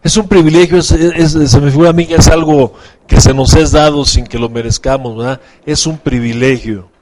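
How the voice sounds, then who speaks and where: A man's voice: fairly high pitch, steady tone, normal speed, a little mellow. A man preaching a sermon as pastor, asking the congregation questions and acting out quoted voices.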